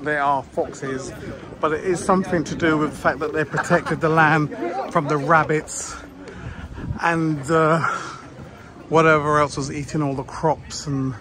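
Guy filming a travel vlog, out of breath, chatty, slow, lotsa outdoor noise. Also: fairly high pitch. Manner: chatty, enthusiastic. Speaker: videographer. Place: outdoors at a shrine.

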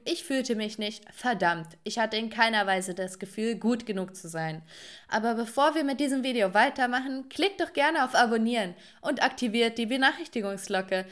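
Woman narrating a storytime, fairly high voice. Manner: first-person confessional, addresses viewers.

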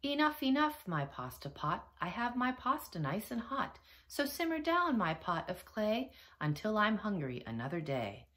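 A woman voicing a boastful, foolish young male helper with a slow, scheming delivery in a storybook reading. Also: deep voice, very animated, fairly bright tone. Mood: singsong.

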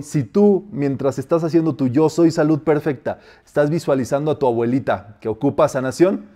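A man teaching a spiritual class, calmly guiding students and repeating short decrees slowly and softly. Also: a little high. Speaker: metaphysics teacher.

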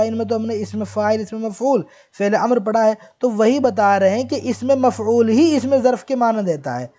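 A man's voice: high voice, dark tone. A man teaching an online grammar lesson, explaining step by step and often checking in with the listener. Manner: patient explaining, checks in with "theek hai".

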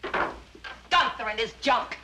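An actress playing an exasperated, loud housewife who scolds shrilly. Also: female voice, a little high, expressive, slow pace, full character voice. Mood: scolding. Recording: hissy old TV soundtrack.

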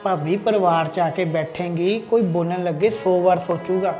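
A man's voice: sits high, fairly even intonation, normal speed, warm tone, faint music behind, natural voice. A man playing a loyal, protective younger brother-in-law in a family drama, earnest and lecturing. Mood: earnest, advising. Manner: earnest, lecturing, threatening when angered.

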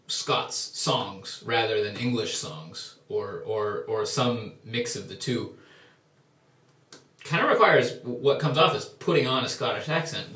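A young Canadian folk singer with a sharp, medium-pitched voice rambles casually, then sings a ballad while playing ukulele, tossing in a few self-deprecating asides. A far-off camera records him in a small tiled bathroom, so the sound is echoey.

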